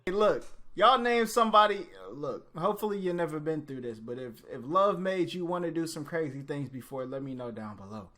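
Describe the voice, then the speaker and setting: A man's voice: a little high, animated, fairly quick, few pauses, pushed and bright. A man reacting to a song and chatting directly to his viewers. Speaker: music reaction YouTuber. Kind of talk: casual reaction commentary.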